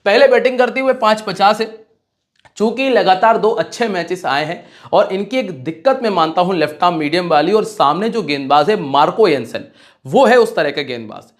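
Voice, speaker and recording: A man's voice: sits high, expressive, moderate pace. A man talking casually to his viewers, giving fantasy cricket predictions and rattling off match stats. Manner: chatty, direct address to viewers, rattling off stats.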